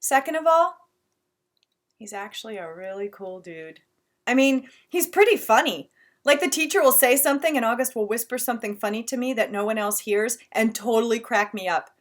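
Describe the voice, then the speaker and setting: A woman's voice: on the high side, expressive, moderate pace. Woman reading a casual first-person story. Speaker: audiobook reader.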